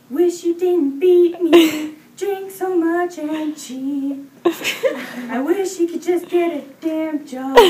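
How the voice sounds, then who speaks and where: A high, slow-spoken girlfriend played by a young woman in an amateur comedy sketch. She is exasperated and mouthy. The sound is roomy and picked up far from the microphone. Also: warm tone. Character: Tina, exasperated trash-talking girlfriend. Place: classroom, far camera. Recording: roomy classroom, distant camera mic, faint noise.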